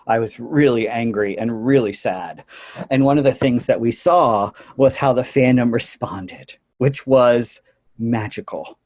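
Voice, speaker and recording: Man, conference talk, earnest, filler-heavy, average pitch, quick mocking falsetto asides. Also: a little mellow. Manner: earnest, with frequent "uh" and "you know" fillers; slips briefly into high mocking voices for quotes. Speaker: conference presenter.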